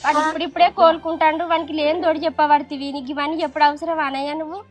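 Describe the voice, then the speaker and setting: An actress with a Telangana Telugu accent playing an older mother who hushes and consoles her family. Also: sits high, flat delivery, rapid-fire, soft background music, lightly acted. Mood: consoling. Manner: soothing, hushing, scolding gently.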